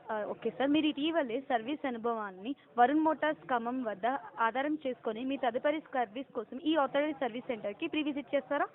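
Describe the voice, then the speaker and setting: A high-pitched woman rattles quickly through a customer care survey script over the phone, mechanically and formally reading out each option like a robot. The call audio is muffled and band-limited.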